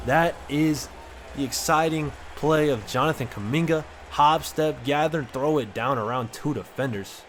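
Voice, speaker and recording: A man giving casual, excited play-by-play commentary over a basketball video game, with slang in his talk. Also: on the high side, slight background noise. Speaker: gaming content creator.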